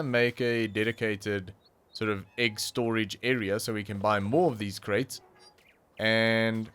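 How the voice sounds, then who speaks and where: A young man who hosts a gaming channel and isn't a native English speaker chats casually about his own gameplay. He thinks out loud, with fillers and restarts. His voice is medium-pitched, fairly bright, clear and resonant.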